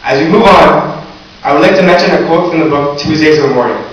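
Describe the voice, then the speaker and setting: Speaking briskly, a teenage valedictorian gives an earnest graduation speech sprinkled with light humor, his voice a little high for a man. The recording is made from far off in the audience of a very echoey large hall or gym, with faint hiss.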